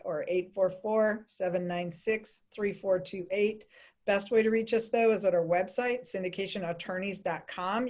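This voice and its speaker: A woman attorney introducing herself on a panel, friendly and businesslike, spelling out her contact details slowly. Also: medium pitch, darkish tone. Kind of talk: brief panel introduction and advice.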